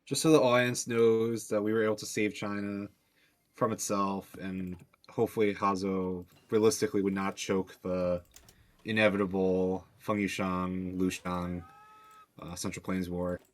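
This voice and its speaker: Deep-voiced man chatting on a stream. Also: flat delivery, measured pace. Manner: rambling, loose talk full of fillers and swearing. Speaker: mod developer streaming. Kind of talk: casual stream chat.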